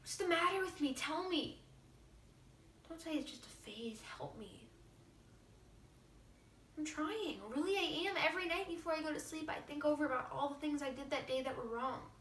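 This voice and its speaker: A woman playing a troubled teenage girl who pleads softly and earnestly with her father. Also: high voice, a little fast, roomy sound, far from the mic, a little hiss or hum, voice pushed up. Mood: pleading.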